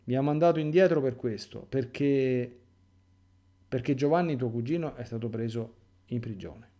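A man's voice: medium pitch, normal speed, warm tone, muffled recording, natural voice. A man reading aloud as a young apostle who is weeping with grief and fear, pleading in a raised, urgent voice. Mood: distressed.

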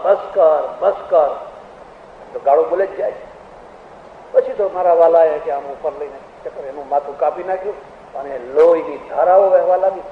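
A male religious teacher giving a spiritual discourse, telling anecdotes with rhetorical questions and now and then mimicking other people's voices. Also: fairly high pitch. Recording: echoey hall, tinny phone-like sound, faint hiss.

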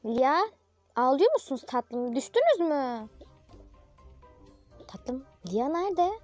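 Girl doing a fussy mom in a toy roleplay, kinda high voice, sweetie this sweetie that, bossy too. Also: sing-song, takes it slowly, a little mellow, soft background music, heavily acted. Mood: doting. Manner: doting but scolding, calls child sweetie. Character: fussy caring mother, middle-aged woman. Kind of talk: toy role-play voicing.

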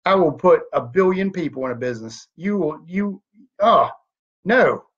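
A network marketing leader, thirty-nine, talks emphatically to a webcam in his home office, asking rhetorical questions and gesturing with his hands. His somewhat high voice has a breathy edge and moves at normal speed, and the webcam recording is dull and lo-fi.

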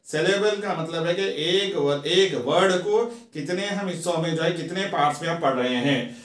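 Slow, deliberate Pakistani teacher in echoey room. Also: male voice, on the high side. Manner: slow, drawn-out repetition of example words. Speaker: English teacher. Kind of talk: classroom grammar lesson. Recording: echoey classroom sound.

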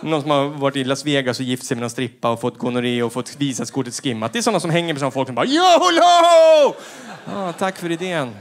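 A middle-aged man doing stand-up comedy on a theater stage, acting out other people with sudden high-pitched shouts. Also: hardly any pauses. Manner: animated, acts out quotes with sudden high shouts.

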